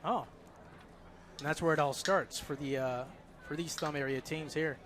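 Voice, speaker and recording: A man calling play-by-play for a local alumni football game, chatty and lively on big plays. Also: fairly high pitch, normal speed. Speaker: play-by-play announcer. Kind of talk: live local football commentary. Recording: noisy outdoor broadcast.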